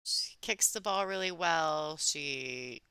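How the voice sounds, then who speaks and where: A woman commentating live on a pool match in a restrained, soft-spoken golf-commentator voice, chatting conversationally as she follows the play. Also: low-pitched, slow pace, clean tone, no echo. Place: alone in a chilly room.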